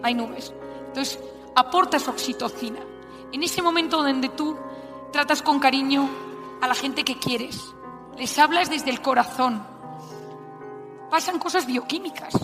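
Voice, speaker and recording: A high-pitched woman with an accent from Spain, telling a story in a lively, animated way during a talk. Her voice rings through a large hall with a long reverb, and faint music plays underneath. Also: measured pace, pauses often. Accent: Spanish (Spain). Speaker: speaker giving a talk.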